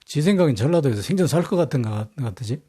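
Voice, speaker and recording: A man's voice: mid-range voice, animated, very fast, dark tone, breathy edge, no room sound, studio quality. A man casually telling a history story, rambling with many fillers and restarts and using coarse slang.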